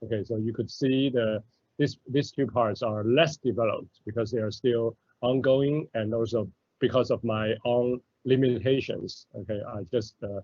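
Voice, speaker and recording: A man's voice: medium pitch, fairly even intonation, moderate pace, darkish tone, no room sound. A middle-aged man from mainland China, giving an academic lecture over a video call, hesitant and full of "uh" and "okay". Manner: hesitant, many fillers and "okay"s. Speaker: professor giving a talk. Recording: dull lo-fi video call audio.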